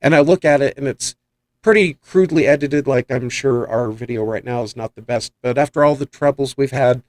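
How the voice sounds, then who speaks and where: A man of medium pitch speaks briskly with no echo as he hosts his podcast, spinning enthusiastic, meandering anecdotes in a relaxed chat. He's a paranormal investigator as well.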